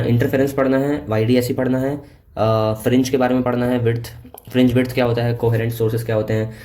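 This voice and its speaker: A man giving a casual Hinglish physics revision lecture. He keeps checking in with his students and reads textbook lines out slowly. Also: medium pitch, darkish tone. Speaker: NEET physics teacher. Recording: echoey room with faint ambient noise.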